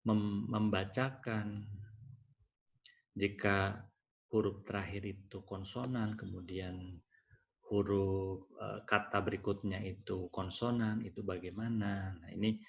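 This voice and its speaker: A man's voice: low-pitched, gravelly. Man lecturing with fillers, lo-fi audio. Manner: conversational, loose delivery with many fillers and self-corrections. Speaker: university lecturer. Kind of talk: recorded online lecture. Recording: dull lo-fi audio.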